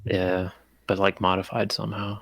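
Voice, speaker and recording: A man co-hosting a casual gear podcast, speaking hesitantly in halting phrases. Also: low-pitched, flat delivery, vocal fry, a bit bright, no echo. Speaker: podcast co-host.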